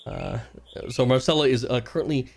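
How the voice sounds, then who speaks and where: A man narrating as game master in a live-streamed tabletop game, laughing often and filling pauses with "uh". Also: mid-range voice, lively intonation, vocal fry. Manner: laughs often, many fillers, puts on townsfolk voices. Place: home studio, live stream.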